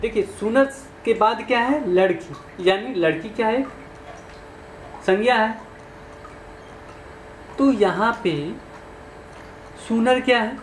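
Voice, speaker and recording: A man, teaching exam questions in a conversational way and asking his listeners questions. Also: sits high. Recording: echoey room, faint background noise.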